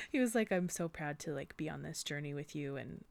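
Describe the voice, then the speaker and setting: Her voice is deep, creaky, and animated, moving at a moderate pace. The young podcast co-host keeps things casual, gushing and getting emotional, with plenty of laughter.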